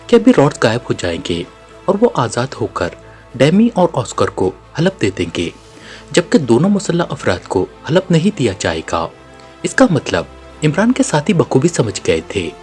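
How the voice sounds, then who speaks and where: Male storyteller with a very animated, swooping delivery, soft music underneath. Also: medium pitch. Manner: lively storytelling, voicing each character's lines himself. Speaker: narrator. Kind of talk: audiobook narration of a spy novel.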